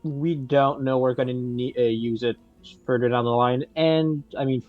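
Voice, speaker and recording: A man's voice: mid-range voice, steady tone, moderate pace, no echo, faint music behind. A man playing a tabletop game, joking around and rambling through his plans with lots of fillers. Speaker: player. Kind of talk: casual game table chat. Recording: dull lo-fi recording.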